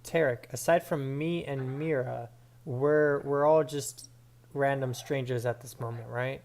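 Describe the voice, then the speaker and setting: A man's voice: medium pitch, fairly even intonation, a little slow, vocal fry, darkish tone, slight background noise. A man chatting casually as a player in a tabletop role-playing game.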